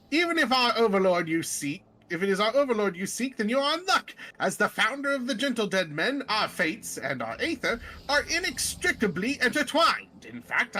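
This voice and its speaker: A woman's voice: fairly high pitch, sing-song, moderate pace, pushed and bright, voice pushed up, heavily acted. A woman voicing a courteous male zombie emissary in a put-on British accent, speaking in formal, old-fashioned phrases.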